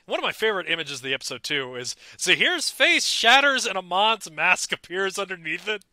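Bright-voiced excitable young man. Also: high voice, dry recording. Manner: excitable, quick to do mock voices. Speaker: podcast co-host. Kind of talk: casual chat about a cartoon.

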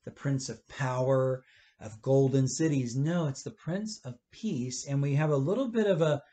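A man in his fifties, a pastor, gives a children's church lesson, explaining gently and rephrasing as he gestures. His voice is medium in pitch and moderately paced, captured on a webcam in a church library.

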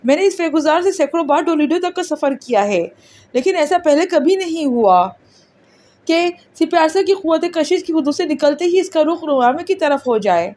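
Woman reading as a calm alien girl. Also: high voice. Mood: lecturing. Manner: patient, lecturing, matter-of-fact. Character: calm, superior alien girl from another planet. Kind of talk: audiobook character reading.

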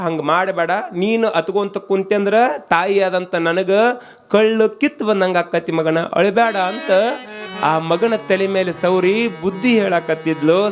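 A man preaching a storytelling sermon, acting out the story's characters and putting rhetorical questions to his listeners. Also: high voice. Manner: acts out the voices of the story's characters.

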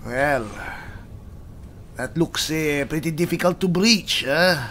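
A man's voice: fairly high pitch, slow pace, bright, forceful tone, a little hiss or hum. A man voicing a blunt, simple, easygoing barbarian adventurer in a video game role-play, casual and folksy, often ending questions with "eh". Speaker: player of the game. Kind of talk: in-character video game playthrough.

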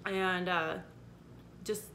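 A woman's voice: lowish voice, fairly even intonation, drawn-out words, pushed and bright, a little hiss or hum. A woman in her thirties chatting casually to camera at home, talking with a sore, stiff jaw and a numb lip that slightly hampers her articulation. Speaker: vlogger giving a surgery recovery update. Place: indoor room at home.

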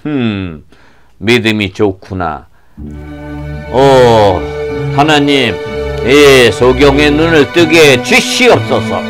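Man doing a deep, grave, gentle teacher. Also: expressive, faint music behind. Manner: slow, solemn and soft-spoken. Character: calm, kindly male savior figure, grave and gentle. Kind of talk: children's puppet show.

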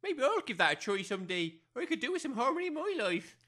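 Voicing a flustered, apologetic village mother from the working class, a woman pleads anxiously in an amateur comedy audio drama, her grammar non-standard. Her fairly high, slightly bright voice is very animated and fast.

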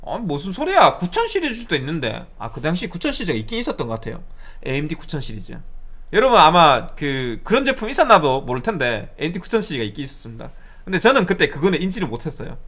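A man's voice: a little high, quick pace. A young man casually telling a personal anecdote, acting out both sides of a phone argument. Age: young adult. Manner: animated, acts out both sides of the dialogue. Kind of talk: casual storytelling.

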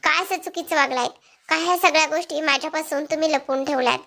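A woman's voice: high voice, fairly even intonation, fast, creaky, a bit bright. A woman voicing a young husband who reproaches his wife in anger. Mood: hurt. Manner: reproachful, bitter. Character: hurt, angry young husband.

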